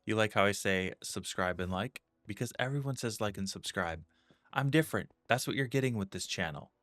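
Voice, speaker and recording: Chatty low-voiced man playing a game. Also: a little fast, a bit bright, no echo. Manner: chatty, self-mocking, jokey asides to viewers. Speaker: gaming YouTuber. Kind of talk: casual gameplay commentary.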